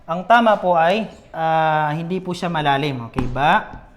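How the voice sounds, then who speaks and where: A man's voice: fairly high pitch, measured pace, background noise. A man teaching a beginner Arabic lesson, patiently repeating each letter sound and checking in with his students.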